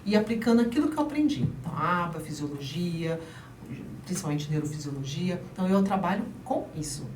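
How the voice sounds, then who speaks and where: A woman guest explaining child-rearing methods in an emphatic, lively way during an interview. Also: lowish voice, a little fast. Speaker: guest, parenting advisor. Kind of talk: interview conversation. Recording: roomy, distant mic, faint noise.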